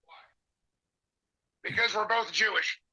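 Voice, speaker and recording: A man on a phone call played through a speakerphone, chatting casually and joking in quick bursts. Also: sits high, sharp tone, no room sound. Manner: jokey, talks in quick bursts. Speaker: caller on the phone. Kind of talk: casual chat. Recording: phone audio held up to a studio mic.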